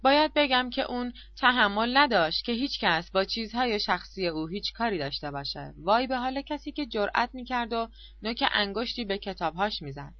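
Woman, audiobook narrator, first-person, expressive, dull lo-fi sound, dry. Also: on the high side, dry recording. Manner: expressive, confessional storytelling.

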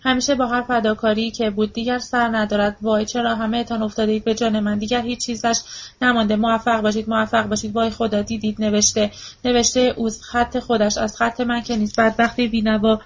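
A woman's voice: on the high side, little pitch movement. A woman reading the part of a desperate, grieving old widow who pleads and repeats herself, in a storybook reading. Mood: pleading. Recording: dull lo-fi audiobook recording.

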